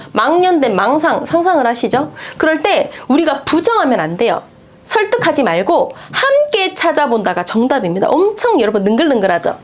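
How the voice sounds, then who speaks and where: A woman lecturing nursing exam students, often asking questions and answering them herself. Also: fairly high pitch. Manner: lively, asks and answers her own questions.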